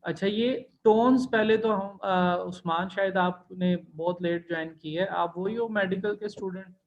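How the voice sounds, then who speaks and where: A man's voice: sits high, fairly even intonation, a little slow, muffled recording. A man teaching an online language class, explaining patiently step by step and drawing out sounds to demonstrate tones. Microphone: computer mic in video call.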